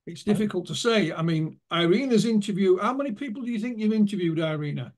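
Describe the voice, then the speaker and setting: A man with a high-pitched, animated voice talks fast as an author and guest in an interview. He tells anecdotes and retells what witnesses told him, storytelling-style.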